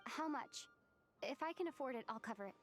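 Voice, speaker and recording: An actress voices an earnest, determined young heroic traveler in a video game, speaking in a measured way. Her voice is high-pitched and animated, with faint music in the background.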